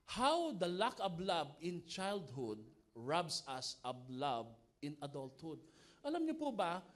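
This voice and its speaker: A male pastor preaching a sermon to a live congregation, animated and jokey, often asking the people questions. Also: sits high. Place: church service before a live congregation.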